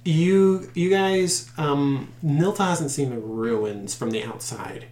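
A man narrating a tabletop game as game master, halting and full of fillers as he describes the scene. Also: a little high, a little mellow, echoey room. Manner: halting, with many fillers and restarts.

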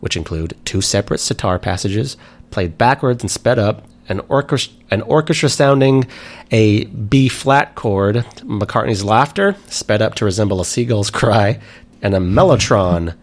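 A man's voice: on the low side, lively intonation, measured pace. A man co-hosting a podcast, reading out facts in casual chat with stumbles and asides. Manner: reads trivia aloud with stumbles and asides. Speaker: podcast co-host.

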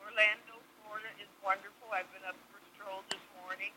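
A woman's voice: mid-range voice, little pitch movement, fast talker, sharp tone, poor audio. A woman calling in on speakerphone, talking in a playful, chatty way. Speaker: caller, host's mother. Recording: speakerphone call with faint noise.

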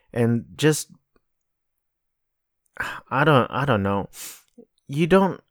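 A man's voice: mid-range voice, dry recording, clean studio sound. A man talking casually on his own about films he has and hasn't seen, rambling and correcting himself as he reads from notes. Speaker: vlogger reviewing films. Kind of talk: casual solo commentary.

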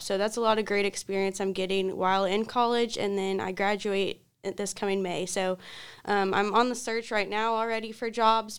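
A college student in her twenties from Kentucky, a woman answering interview questions in a friendly, steady way. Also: medium pitch, smooth. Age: 20s. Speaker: student guest.

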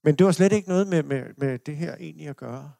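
Older Danish male lecturer, gravelly voice, meandering anecdotal delivery. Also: on the high side, mellow, dry recording. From Denmark. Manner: rambling anecdotal storytelling with restarts and chuckles. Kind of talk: personal storytelling lecture. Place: lecture hall.

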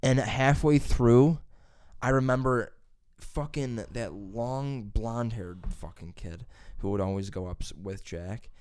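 A man, a stand-up comedian, telling a profane, animated story in casual podcast chat and acting out the quotes. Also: mid-range voice, a little slow, dry recording, clean studio sound.

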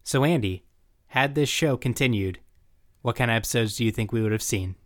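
A man's voice: medium pitch, brisk. A young man co-hosting a podcast in a casual, informal recap chat, given to swearing and paraphrasing dialogue. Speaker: podcast co-host.

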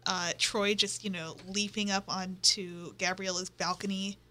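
A young woman with a bright, clear tone muses in casual chat. She hedges and steers the conversation. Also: mid-range voice, little pitch movement, slow. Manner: thoughtful, hedging, steers the talk.

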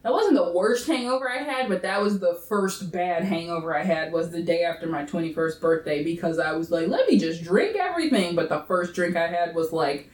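A woman's voice: fairly low pitch, steady tone, fairly quick, few pauses, distant mic. Blunt, profane woman in her thirties. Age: 30s. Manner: blunt, profane, giving advice to listeners. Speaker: podcast co-host. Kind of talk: casual chat. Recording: roomy echo.

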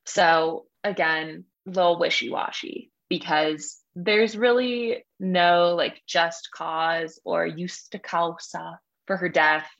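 Animated young woman on a muffled line. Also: on the low side, slow pace, few pauses. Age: young adult. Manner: animated, slangy storytelling. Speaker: podcast guest, graduate student. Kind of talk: casual chat.

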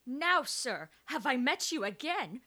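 A woman's voice: sits high, sing-song, measured pace, noisy background. A woman playing a foolish, cowardly male knight in a stage play who blusters and whines. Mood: blustering.

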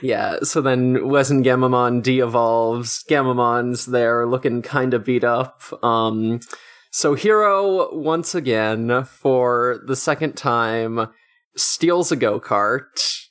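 A man talking through an episode in a loose, rambling way, leaning on fillers as he goes. His pitch sits in an ordinary middle range. It is a relaxed podcast chat among friends. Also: slow pace, smooth. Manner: loose, filler-heavy storytelling with swearing. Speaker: podcast co-host. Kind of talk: casual recap chat.

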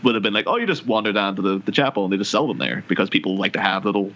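A man co-hosting a podcast in casual film-discussion chat, animated and laughing often. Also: lowish voice, rapid-fire. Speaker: podcast co-host. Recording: slightly muffled, faint background hum.

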